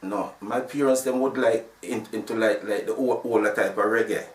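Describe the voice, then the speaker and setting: Jamaican man in his sixties, deep and roomy. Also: steady tone, normal speed, distant mic. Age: 60s. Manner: rambling, stuttering restarts. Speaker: sound system founder. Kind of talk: casual interview talk. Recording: roomy, from off the mic.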